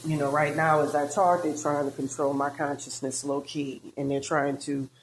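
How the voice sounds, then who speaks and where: A woman reading tarot, talking in a halting, rambling monologue with many fillers and restarts, woozy and out of breath. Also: low voice, flat delivery, slight background noise. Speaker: tarot reader.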